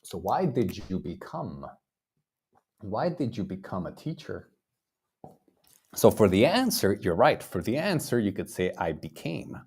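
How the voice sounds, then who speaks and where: A man's voice: lowish voice, sing-song, unhurried, pauses often, a little mellow, slightly rough. A man in his thirties teaching a live online English lesson. He keeps praising his students and drills phrases by repeating them. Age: 30s. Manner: encouraging, praises students often.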